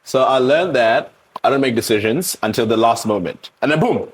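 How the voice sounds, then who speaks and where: A man's voice: medium pitch, moderate pace, slightly rough. A man in his thirties from Eswatini, a guest in a candid interview, talking openly and animatedly about himself with many asides. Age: 30s. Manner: animated storyteller who voices others' reactions in asides.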